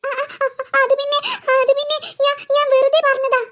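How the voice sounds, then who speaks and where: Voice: very high voice, steady tone, fairly quick, fairly bright tone. A performer voicing a frightened young girl who pleads and stammers in panic. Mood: scared. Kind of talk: cartoon voice acting.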